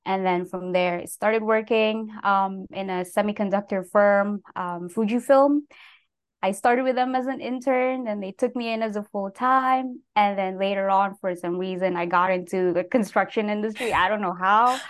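A woman's voice: mid-range voice, moderate pace, smooth. A young adult woman from the Philippines, a guest talking casually in an interview with many filler words. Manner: relaxed, lots of "like" fillers, laughs between phrases.

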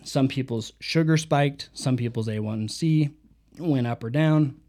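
A man's voice: mid-range voice, measured pace, darkish tone. A man talking through a book in a casual, reflective review, reading out quotes and mixing in personal stories.

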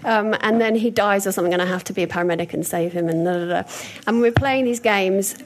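A woman's voice: mid-range voice, fast talker. A young woman preaching a sermon in a conversational, storytelling way, with frequent hesitations.

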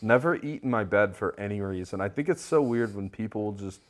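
A man with a somewhat low voice co-hosts a podcast. He chats casually and enthusiastically about a record, with frequent laughs between his points. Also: animated, fairly quick. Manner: enthusiastic, chatty, laughs often. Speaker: podcast co-host. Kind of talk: casual music review chat.

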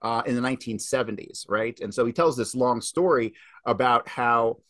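A man speaks as a podcast guest in a loose, emphatic ramble, swearing freely as he piles on details. His voice sits at an ordinary middle pitch. The sound is dry and close with no room around it. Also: a bit bright, no room sound. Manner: emphatic, swears often, fast rambling delivery. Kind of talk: casual interview talk.

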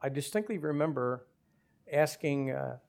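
An older man, a former airline captain, telling his story in an interview at a measured pace with small hesitations. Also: fairly high pitch, expressive, creaky, darkish tone. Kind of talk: conversational storytelling.

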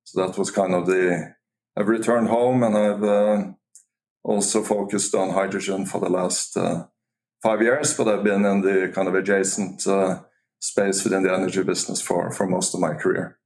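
A man from Norway, a company CEO, talking as a guest in a remote interview, measured and often restarting his sentences. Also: deep voice, little pitch movement, darkish tone. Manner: measured, with frequent restarts and fillers. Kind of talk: casual interview talk.

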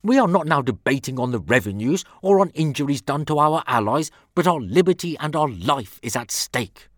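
A man's voice: on the high side, animated, moderate pace, no room sound, clean studio sound, voice pushed up. A man reading aloud as a stern Roman senator, declaiming a speech against traitors with grave, sweeping rhetorical emphasis.

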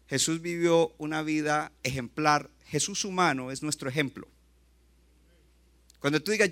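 A male pastor preaching a lively sermon, often acting out short asides and quotes. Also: fairly high pitch. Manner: animated preaching, acts out quick asides.

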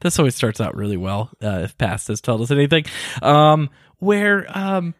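A man's voice: mid-range voice, normal speed, dry recording, clean studio sound. A man co-hosting a casual podcast, chatty and playfully complaining, often laughing. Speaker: podcast co-host. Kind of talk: casual chat.

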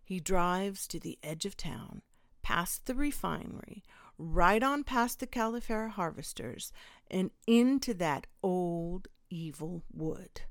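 A woman's voice: lowish voice, expressive, slow pace, dry recording, studio quality. A woman voicing a drunk, bitter small-town mayor who rants with disgust and repeats himself. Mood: bitter ranting.

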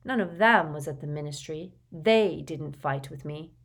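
A woman's voice: low voice, unhurried. A woman voicing a blunt, plain-spoken teenage boy wizard. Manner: short, plain.

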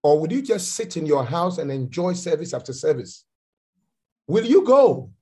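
A man's voice: a little high, expressive, a little fast, dark tone, breathy edge. A man preaching and pleading with his congregation, repeating calls to act. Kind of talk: sermon exhortation.

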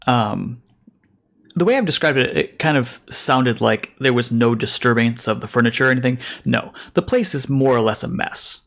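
A man's voice: medium pitch, normal speed, creaky, fairly bright tone. A man running a tabletop role-playing game as game master, talking casually with many hesitations.

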